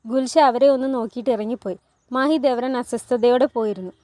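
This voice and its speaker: A woman's voice: a little high, brisk, mellow, no echo. A woman retelling a TV drama as a story, reading every character's lines in her own voice and rising for cries and pleas. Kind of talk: storytelling narration with voiced dialogue.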